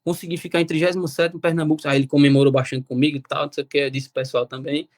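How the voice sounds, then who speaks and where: A young man, telling his story as a guest in a casual, animated way. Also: on the high side, rapid-fire, dry recording, studio quality. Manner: animated, quotes himself and relatives. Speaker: interview guest.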